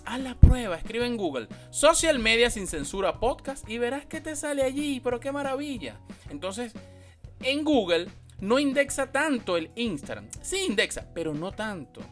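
A man's voice: high-pitched, fairly bright tone. A man with a Venezuelan accent giving podcasting tips in a blunt, emphatic, casual monologue, swearing freely.

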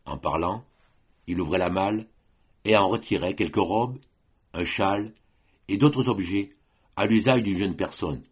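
Husky low-voiced male audiobook narrator. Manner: measured, even storytelling. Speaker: audiobook reader. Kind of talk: literary narration.

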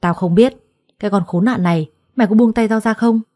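A woman's voice: medium pitch, a little fast, warm tone, no echo, clean studio sound, lightly acted. A woman voicing a harsh, spiteful older adoptive mother who scolds with scorn in a storybook reading. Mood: angry.

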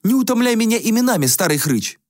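A man's voice: high voice, very animated, fast talker, no echo, clean studio sound, pitched above the performer's own voice. A man voicing a vain young prince and painter who is flippant, affected and rude. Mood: mocking. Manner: mocking, dismissive, affected.

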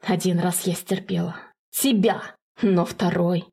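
A woman's voice: on the low side, steady tone, unhurried, creaky, a little mellow, husky, full character voice. A woman voicing a cold, scheming older sorceress mother who hisses commands and threats. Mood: menacing. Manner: hissing, commanding, menacing.

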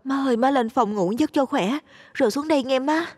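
Brief: young actress as a soothing daughter-in-law, high husky voice, reverberant room. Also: female voice, fairly quick, a little mellow. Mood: calm. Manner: soothing, patient.

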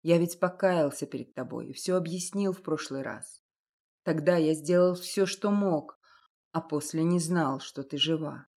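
A woman voicing a young nobleman, soft and imploring, in a lowered voice, reading a storybook romance. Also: a little slow. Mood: pleading. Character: young nobleman, pleading and persistent.

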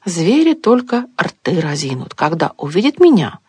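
A woman's voice: on the low side, big pitch swings, moderate pace, darkish tone, breathy edge, no room sound, pitched below the performer's own voice, full character voice. A woman voicing a vain, scheming female fox in a storybook tale, boastful at first and later shrieking for help. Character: vain scheming female fox who dreams of being queen.

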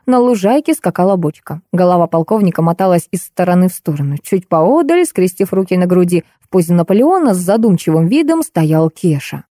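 A woman narrating a first-person comic novel as an audiobook, in a lively, ironic manner. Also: fairly low pitch, fairly quick, hardly any pauses, dry recording, clean studio sound.

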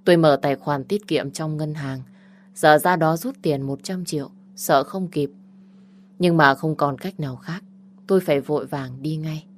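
A young woman narrating a first-person audio story in a calm, steady way. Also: low voice, moderate pace.

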